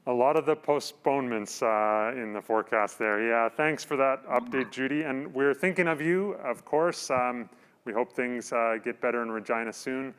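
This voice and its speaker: A man's voice: medium pitch, normal speed, a bit bright, smooth. A man hosting a live-streamed theatre show, chatting friendly and telling a story. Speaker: host.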